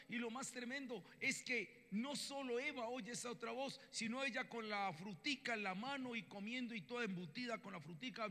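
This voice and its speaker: Male preacher, animated sermon storyteller; high, forceful tone, reverberant hall. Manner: animated storytelling, acts out biblical dialogue in voices.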